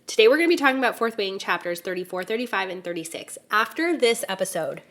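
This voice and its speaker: A woman's voice: mid-range voice, animated, quick pace, fairly bright tone. A woman co-hosting a casual book podcast, talking with a slightly nasal voice from a cold and laughing often. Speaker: podcast co-host. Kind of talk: casual chat.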